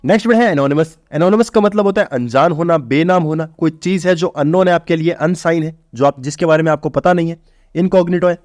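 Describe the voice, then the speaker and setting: A man with a fairly quick, darkish voice on the high side teaches English vocabulary for exams in a casual, informal lesson, calling students "bhai". He explains step by step and asks and answers his own questions, recorded cleanly in a studio with no room sound.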